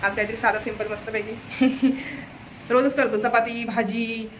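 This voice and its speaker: A woman's voice: a little high, steady tone, unhurried, background noise. Chatty young woman vlogging at home. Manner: chatty, keeps repeating "look" to viewers. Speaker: vlog host. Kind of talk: casual home vlog chat. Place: family home, kitchen.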